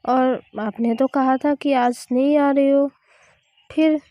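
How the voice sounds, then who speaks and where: A woman's voice: high-pitched, fairly even intonation, slow pace, warm tone, dry recording. A woman voicing a shy, flustered young college woman who stammers and pleads. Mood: pleading.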